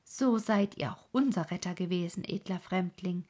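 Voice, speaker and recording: A woman's voice: on the low side, normal speed, darkish tone. A woman voicing a dignified, generous old king in a whispered role-play of a bedtime fairy tale. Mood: grateful. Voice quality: breathy whisper.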